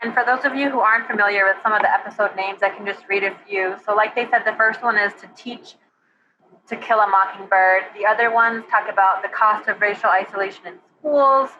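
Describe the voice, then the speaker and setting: Bright woman moderator, lo-fi audio. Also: mid-range voice, brisk. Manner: friendly, organized, reads out questions. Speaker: webinar moderator. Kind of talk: moderating a live webinar. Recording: dull lo-fi audio with faint background noise.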